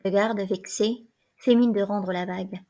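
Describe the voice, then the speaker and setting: A woman reading the stage directions and narration of a play in an even, measured voice. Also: medium pitch. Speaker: reader.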